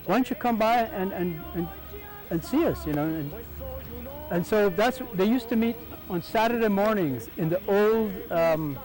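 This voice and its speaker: A man's voice: high-pitched, animated, normal speed, a little mellow, faint music behind. Older Jamaican-born man reminiscing. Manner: rambling, many restarts and fillers. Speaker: interviewee, muralist. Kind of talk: oral history interview, reminiscing.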